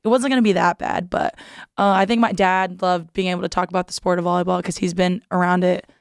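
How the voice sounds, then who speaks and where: A woman's voice: fairly low pitch, flat delivery, quick pace, gravelly, smooth, no room sound, studio quality. A young woman, a volleyball player, chatting as a guest in an interview, with many "like" fillers and frequent laughs. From United States. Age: young adult. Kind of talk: casual interview chat.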